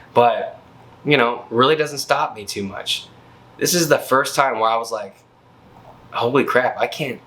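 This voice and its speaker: A man's voice: medium pitch, fairly bright tone. A worn-out man vlogging about his health in a casual, slangy, rambling way. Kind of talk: casual chat, health update.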